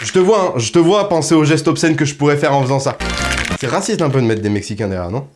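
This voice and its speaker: A man's voice: a little high, animated, quick pace, over loud music. A man hosting a comedic cocktail tutorial, talking straight to the viewer in crude, ironic, mock-serious patter. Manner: addresses viewer directly. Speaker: host.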